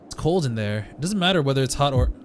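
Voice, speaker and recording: A man's voice: mid-range voice, expressive, fast, soft background music. A man reading a visual novel aloud as narration, breaking off now and then to joke about it. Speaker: let's play reader.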